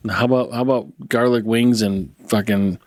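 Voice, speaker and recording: A man's voice: fairly low pitch, steady tone, normal speed. A man co-hosting a casual podcast, joking crudely and asking questions. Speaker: podcast co-host. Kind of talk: casual chat.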